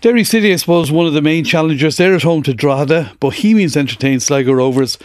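A man's voice: on the high side, fast, a little mellow, dry recording. A man with an Irish accent presenting live radio sports news and interviews from a studio.

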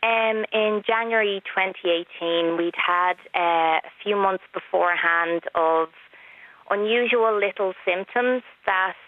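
Soft-spoken woman on a landline. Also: mid-range voice, measured pace. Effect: landline phone line. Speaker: caller. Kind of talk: radio phone-in conversation. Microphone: cordless house phone. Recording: tinny landline phone line.

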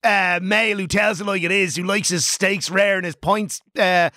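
A man's voice: high-pitched, steady tone, moderate pace, bright, forceful tone, no room sound. A man playing a blustering tabloid hack. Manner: blustering, stammering, boastful. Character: blustering male shock tabloid journalist, macho and moody. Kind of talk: improvised comedy panel.

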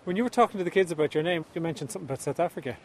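A woman's voice: sits low, very fast, a little mellow, a little hiss or hum. A woman interviewing for a radio documentary, asking brief, curious questions on location.

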